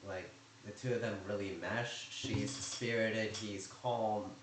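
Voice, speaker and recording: A man with a fairly low voice rambles through a casual story, chatty and quick with sarcastic asides. His voice bounces around a very echoey room, and faint noise hums underneath. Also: fairly even intonation. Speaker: YouTuber recounting server drama.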